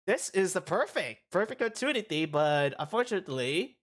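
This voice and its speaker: A man streaming his game rolls in casual commentary, halting and rambling between excited bursts, with a morning voice. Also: high voice. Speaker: gaming streamer. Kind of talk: casual gacha-roll commentary.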